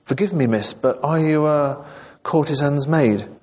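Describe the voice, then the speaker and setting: A man's voice: fairly high pitch, measured pace, darkish tone, pitched above the performer's own voice. Man playing a flustered, polite young clerk. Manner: stammering, apologetic courtesy.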